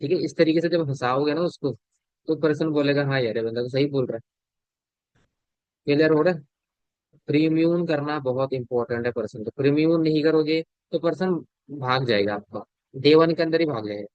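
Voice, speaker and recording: A man's voice: on the high side, a little fast, dry recording. Man coaching salespeople, dull dry audio. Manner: keeps checking understanding, repeats points; shifts loudness and speed to demonstrate. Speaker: sales business trainer. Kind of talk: informal coaching talk.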